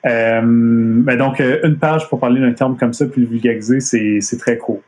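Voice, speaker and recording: Montreal-accented man, chatty, halting. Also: mid-range voice, fairly even intonation, a little mellow. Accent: Montreal French. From Quebec. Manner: hesitant, many fillers and restarts. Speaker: comic artist giving a talk. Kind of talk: casual live-streamed presentation. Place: at home. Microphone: computer mic on a video stream.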